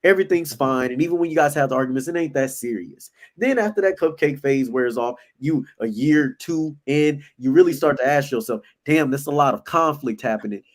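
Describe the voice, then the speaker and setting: A man co-hosting a casual relationship talk show, speaking in a relaxed, conversational and encouraging way. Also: on the high side, brisk, hardly any pauses. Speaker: podcast co-host.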